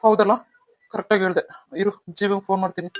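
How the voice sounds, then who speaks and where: A voice actor playing a calm, reasoning young husband in a cartoon story. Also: mid-range voice, very fast, faint music behind, lightly acted.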